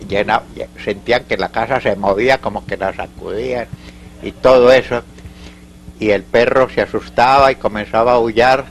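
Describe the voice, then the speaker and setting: A man's voice: mid-range voice, steady tone, a little hiss or hum, low-quality recording. An older man from Colombia with a Paisa accent, telling local stories in an oral history interview. He rambles, halts and restarts as he goes. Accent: Colombian Paisa Spanish. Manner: rambling, halting, full of restarts and asides.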